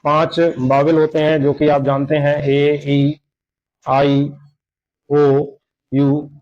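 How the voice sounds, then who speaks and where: A man teaching a grammar lesson in Hindi, explaining slowly and repeating each example. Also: on the high side, completely flat delivery, a little mellow. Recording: dull lo-fi sound.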